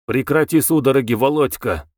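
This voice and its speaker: A man voicing a stern, gruff man who speaks bluntly and harshly. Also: medium pitch, big pitch swings, measured pace, no room sound, studio quality.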